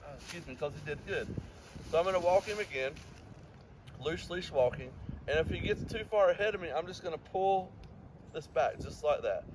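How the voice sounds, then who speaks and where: Against a noisy background, a man with a voice on the high side speaks at normal speed. He's a dog trainer giving an outdoor demonstration, explaining each step of a walk as he commands his dog.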